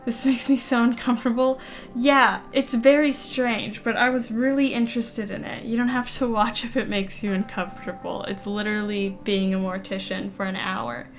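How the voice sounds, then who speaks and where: A woman with a fairly high voice talks casually and ramblingly while playing a video game. Wearing dental aligners gives her a slight lisp. Faint game music plays behind her. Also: fairly even intonation, normal speed. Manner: casual, rambling, reading game text aloud between remarks. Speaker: game streamer.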